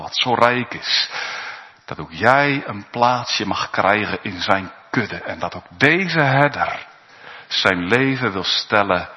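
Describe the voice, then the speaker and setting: Male preacher, sermon, slow deliberate delivery, long church reverb, muffled lo-fi sound. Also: on the low side. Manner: slow, emphatic preaching with pauses and rising calls. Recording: dull recording in a reverberant church.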